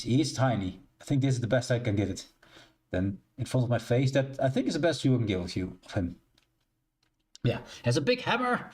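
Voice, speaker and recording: Lively Dutch man streaming. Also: lowish voice. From Netherlands. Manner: rambling, self-correcting, answers chat. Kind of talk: casual live-stream chat. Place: shared living room, indoors.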